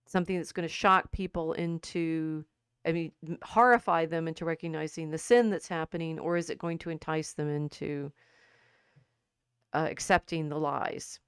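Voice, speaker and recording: A woman's voice: on the low side, clean tone, no echo, clean studio sound. A woman co-hosting a casual discussion podcast, reading quotations aloud and musing with frequent restarts. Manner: thoughtful, halting, many restarts. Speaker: podcast co-host.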